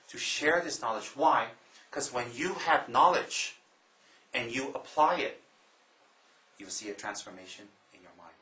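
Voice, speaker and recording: Bright-voiced man giving a Dharma talk. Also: fairly low pitch, echoey room, low-quality recording. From Taiwan. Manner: slow, emphatic, repeats phrases, joking asides. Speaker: Buddhist monk teacher.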